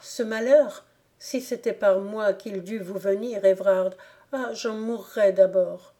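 A woman reading the lines of a grave, dignified young woman, earnest and measured. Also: mid-range voice, warm tone, lightly acted. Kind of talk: audiobook character reading.

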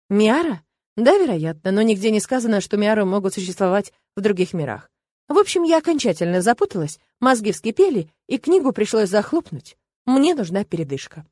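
A woman's voice: medium pitch, darkish tone, no echo, clean studio sound. A young adult woman reading a first-person audiobook in a wry, conversational way. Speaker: audiobook narrator.

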